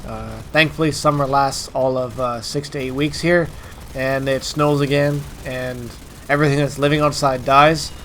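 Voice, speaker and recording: A man's voice: mid-range voice, steady tone, moderate pace, fairly bright tone, a little hiss or hum. A man with a congested, stuffed-up nasal voice from allergies, hosting informal, emphatic gameplay commentary straight to his viewers. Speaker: gaming video host.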